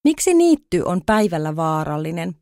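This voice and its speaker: A woman's voice: fairly low pitch, big pitch swings, darkish tone, no echo, studio quality. A woman voicing a small, curious male fawn who exclaims with wonder in a storybook reading.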